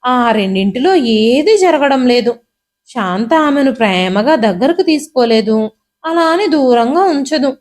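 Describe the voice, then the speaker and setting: A woman narrating an emotional family story in a steady, expressive reading. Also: high-pitched, a little slow.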